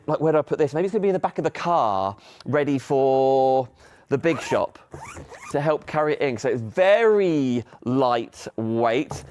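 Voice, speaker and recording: A man's voice: on the high side, darkish tone. A British man presenting a live shopping show in chatty, upbeat sales patter, a little out of breath. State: slightly out of breath.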